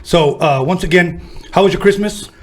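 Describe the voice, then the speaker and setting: A man in his fifties from the Los Angeles harbor area hosts a casual interview podcast, telling laid-back, joking stories. His voice is high-pitched and he talks at normal speed.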